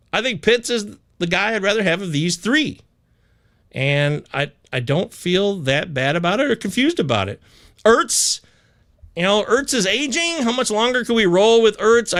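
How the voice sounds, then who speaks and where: A stoned man hosts a casual live fantasy football advice chat, answering viewers' questions in a laid-back stoner drawl, stretching words and repeating himself for emphasis. His voice sits high with a fairly bright tone.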